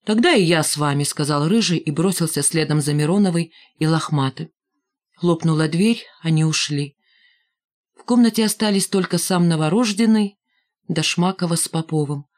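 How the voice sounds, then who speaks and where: A woman reading an audiobook in a steady, expressive narration. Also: low voice, normal speed. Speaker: audiobook reader. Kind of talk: scripted narration.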